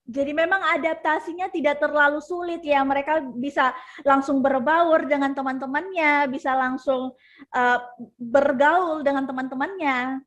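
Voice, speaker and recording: High-voiced woman hosting an interview. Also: fairly even intonation, moderate pace, fairly bright tone, highs cut off. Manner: polite, wordy questioning. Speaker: interview host.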